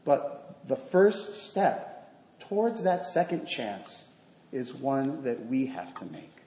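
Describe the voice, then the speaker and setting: A male priest preaching a sermon, telling a story in a gentle, measured way. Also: medium pitch, very animated. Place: church. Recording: echoey church with long reverb.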